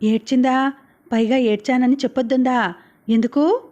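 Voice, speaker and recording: A woman voicing a caring young mother in an audiobook, speaking softly and tenderly, with worry underneath. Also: high voice, fairly even intonation, normal speed, lo-fi sound, natural voice. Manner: soft, tender and coaxing.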